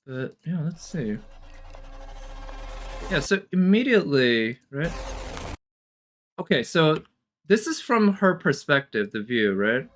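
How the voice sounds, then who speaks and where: Reacting to a game trailer over its background music, a woman streamer muses and speculates aloud in a casual way, following her thoughts as they come. She speaks slowly in a low voice with big pitch swings and long pauses.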